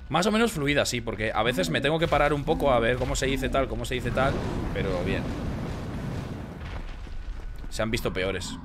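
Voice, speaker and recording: A man's voice: mid-range voice, normal speed, long pauses, noisy background. A man from Spain streaming a game, rambling casually to his chat in a Spain Spanish accent, swearing freely and joking around.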